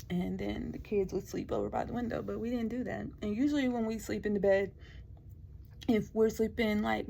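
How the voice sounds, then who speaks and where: Sitting in her dark bedroom at night, a woman host chats casually through a true ghost story, her medium-pitched, creaky voice sometimes sinking to a hush at the spooky bits. A little hiss or hum can be heard.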